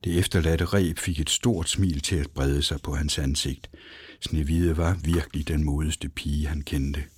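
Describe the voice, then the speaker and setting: Deep, husky storybook narrator man. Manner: expressive, dramatic.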